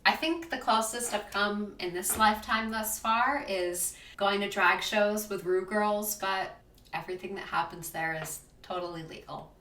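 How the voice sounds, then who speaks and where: A woman's voice: mid-range voice, measured pace, fairly bright tone, echoey room, recorded from a distance, a little hiss or hum. A woman hosting a video essay, narrating casually with wry, joking asides.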